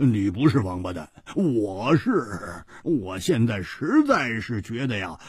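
A man's voice: sits low, big pitch swings, unhurried, mellow, husky, dry recording, clean studio sound, exaggerated voice. A male storyteller voicing a boisterous, self-mocking swordsman who stammers and jokes, in a storytelling radio performance. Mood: flustered joking.

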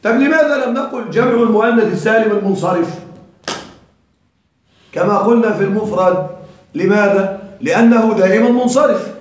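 A man's voice: high voice, brisk, pauses often. A man teaching a classroom grammar lesson, quizzing his students and repeating their answers. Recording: very echoey room, voice from far off.

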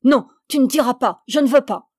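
A woman's voice: medium pitch, a little slow, dark tone, no echo, close to an everyday voice. Haunted old warden, stammering and pleading, read by a woman; dry close mic. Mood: frightened. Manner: stammering, pleading, then confessing. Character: guilt-ridden old male forest warden.

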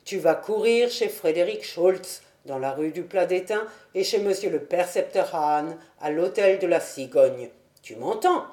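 A woman voicing a jovial, generous man who calls out loudly, read for a storybook recording. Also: fairly low pitch, animated, a little slow, roomy sound. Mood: hearty. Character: jovial hearty bachelor host, generous man.

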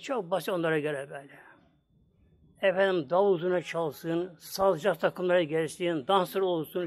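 A man preaching a sermon, acting out the voices of the people in his story and speaking to his congregation. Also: sits high. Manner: dramatic, acts out voices in stories; addresses the congregation.

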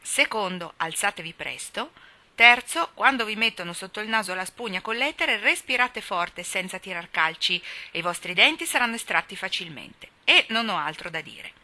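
A woman's voice: mid-range voice, animated, moderate pace, pushed and bright. A woman voicing a bossy little girl who lectures her friends with prim morals.

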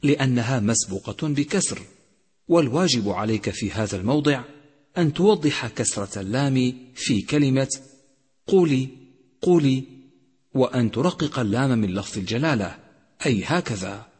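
A man teaching a tajweed lesson on Quran recitation, who draws out and chants the example words slowly. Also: medium pitch, animated, darkish tone, breathy edge. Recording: long hall reverb.

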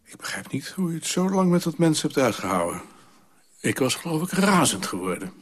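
An exasperated colleague. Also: male voice, a little high, big pitch swings, brisk, background noise. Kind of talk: radio drama acting.

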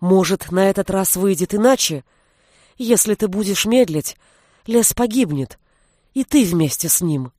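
A woman's voice: mid-range voice, lively intonation, a little slow, no echo, clean studio sound. A woman voicing a male sorcerer in an audiobook, a stubborn bargainer who coaxes and pleads. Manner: coaxing, then shouting in despair.

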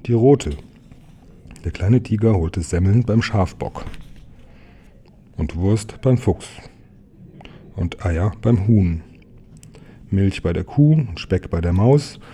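A man calmly reading a children's story aloud. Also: deep voice, takes it slowly, pauses often, slight background noise. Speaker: storybook reader.

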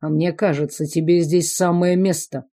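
A woman's voice: lowish voice, fairly even intonation, moderate pace, mellow. Woman reading a stern sarcastic male minister.

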